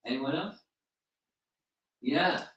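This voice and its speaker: A man, a spiritual teacher, giving an informal religious talk and answering questions. He speaks haltingly and often repeats and restarts his words. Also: fairly high pitch, fairly bright tone. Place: room at a home gathering. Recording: roomy, distant, dull recording.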